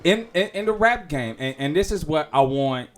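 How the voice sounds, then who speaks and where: A man hosting a radio talk show in a studio, animated and joking, talking over the others. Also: fairly high pitch, normal speed. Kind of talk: casual radio chat.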